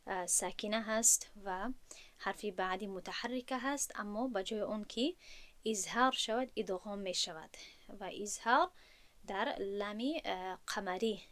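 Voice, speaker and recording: A woman's voice: medium pitch, fairly bright tone. Woman teaching Quran recitation. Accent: Tajik Persian. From Tajikistan. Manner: patient explaining, drawn-out slow recitation of examples. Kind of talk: online tajwid lesson.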